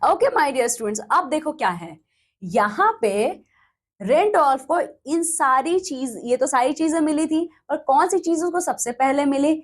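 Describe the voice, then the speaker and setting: A young woman with an Indian accent teaching an English textbook lesson, mixing Hindi and English, reading sentences out slowly and checking in often. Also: high voice, lively intonation. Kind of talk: classroom lesson explanation.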